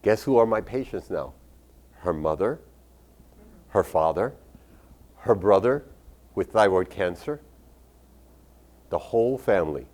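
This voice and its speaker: Blunt, low-voiced male doctor. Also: expressive, a little slow, long pauses, darkish tone. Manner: candid storytelling with casual profanity. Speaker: doctor recommending medical cannabis. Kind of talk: expo talk with patient stories.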